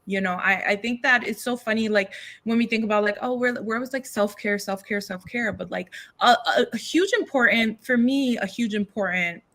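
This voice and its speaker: A woman's voice: on the high side, moderate pace, fairly bright tone. A woman poet who grew up in New York, talking earnestly as a guest and thinking aloud with restarts and tag questions. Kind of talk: livestream book conversation.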